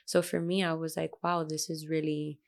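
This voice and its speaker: A woman's voice: low-pitched, flat delivery, moderate pace, vocal fry. A young adult woman, a sound healer guest, telling a story in casual chat, full of fillers and quoted asides.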